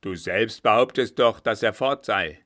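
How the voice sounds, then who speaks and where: A man voicing a gruff, irritable army captain who talks loudly and threateningly. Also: on the low side, moderate pace. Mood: angry, barking. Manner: loud, barking and threatening.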